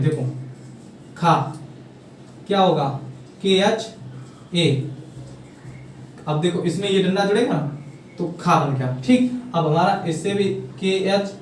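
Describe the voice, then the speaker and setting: Male teacher, high voice, recorded from afar, drills letters out loud and asks whether the class is following. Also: unhurried, pauses often, slight background noise. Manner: repetitive, drills letters aloud, checks on students. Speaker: English teacher. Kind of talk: classroom lesson explaining spelling. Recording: far-off echoey room with faint ambience.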